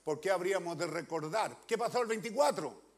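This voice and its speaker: High-voiced preacher, swinging loud and soft. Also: male voice, expressive, fairly quick. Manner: emphatic, questioning the congregation, swinging loud and soft. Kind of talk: sermon.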